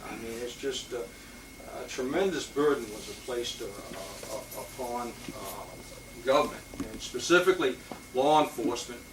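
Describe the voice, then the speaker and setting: Animated and a little slow, a mid-range male voice rambles through a history talk with lots of fillers and restarts. The speaker, a police lieutenant from Boston, Massachusetts, is in a historic house meeting room, captured by a distant mic with a roomy sound and loud hiss.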